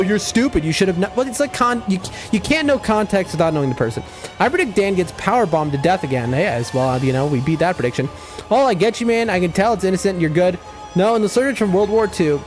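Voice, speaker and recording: A high-voiced, excitable male gaming streamer gives live gameplay commentary and chats with viewers. Fights bring loud outbursts, while his chatting rambles with many fillers and restarts.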